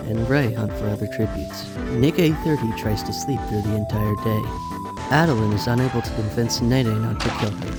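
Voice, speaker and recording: Male narrator, hammy stage-actor delivery, dramatic reading of game events, music underneath. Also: medium pitch. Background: background music.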